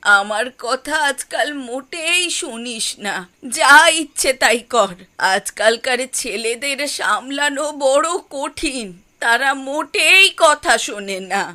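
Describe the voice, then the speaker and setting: Woman doing a fretful cartoon mom, high bright voice, pleading, soft music under. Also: expressive, takes it slowly, full character voice. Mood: worried mother. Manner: pleading, anxious. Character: worried mother and frightened young daughter.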